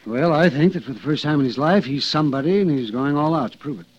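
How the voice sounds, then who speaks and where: A husky, fretful lawyer. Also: male voice, on the low side, sing-song, a little fast, a little mellow, exaggerated voice. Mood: worried. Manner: hesitant, worried, wavering. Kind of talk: old-time radio drama acting. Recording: dull lo-fi old radio recording.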